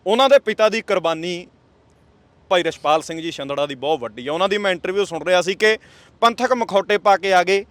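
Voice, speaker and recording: A man interviews a candidate, posing long, measured questions with formal courtesy. His voice is slightly high and sits close and dry on the mic. Between questions he offers soft murmured acknowledgements. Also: no room sound. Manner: formal, respectful address, frequent murmured backchannels.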